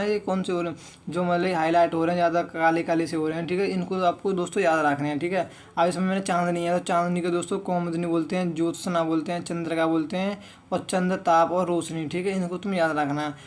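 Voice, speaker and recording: High, flat-voiced man teaching a lesson. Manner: repetitive, keeps saying "friends" and "okay"; reads word lists slowly, one word at a time. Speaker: exam-prep teacher. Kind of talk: online Hindi lesson.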